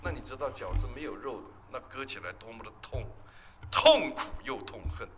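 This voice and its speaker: A man's voice: mid-range voice, animated, fairly quick, a bit bright. A male pastor, giving an emotional testimony sermon with emphatic storytelling.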